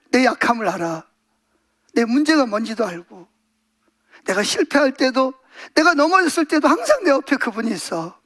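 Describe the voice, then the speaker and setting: A male pastor preaches a Sunday sermon in a strikingly high voice. His delivery is animated: he acts out scenes using other voices and calls out questions to the congregation.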